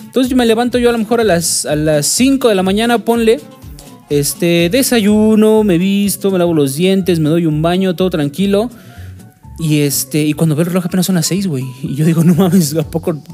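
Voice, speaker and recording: A high-pitched man with a chilango accent from Mexico City hosts a podcast, chatting casually at a moderate pace in a slightly mellow tone. He's slangy, swears often, and fills his speech with fillers. Recorded on a studio microphone, with soft background music.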